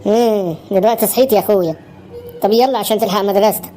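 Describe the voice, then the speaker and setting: A woman's voice: mid-range voice, fast, warm tone, slight background noise, close to an everyday voice. A woman voicing a doting but nagging mother in a cartoon, coaxing her son awake in an Egyptian Arabic accent. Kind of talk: cartoon voice acting.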